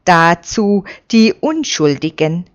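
A woman reading the lines of a stern male Roman official in a measured, admonishing way. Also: lowish voice, big pitch swings, muffled recording. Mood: reproachful.

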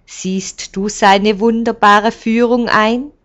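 A woman voicing an old male village elder who speaks in a firm, measured and kindly commanding way. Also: mid-range voice, very animated, pitched above the performer's own voice. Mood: warm.

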